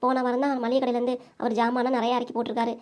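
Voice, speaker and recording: A woman's voice: on the high side, flat delivery, rapid-fire, darkish tone, lightly acted. A woman voicing a selfless, worried older village mother with a southern Tamil accent, fussing and insistent. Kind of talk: cartoon voice acting.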